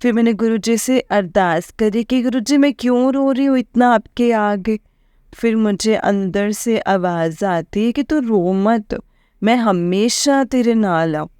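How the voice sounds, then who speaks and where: A woman's voice: medium pitch, warm tone, clean tone, dry recording, clean studio sound. A young woman, earnestly and emotionally sharing her devotional experiences with listeners, often addressing them directly. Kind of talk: personal devotional testimony.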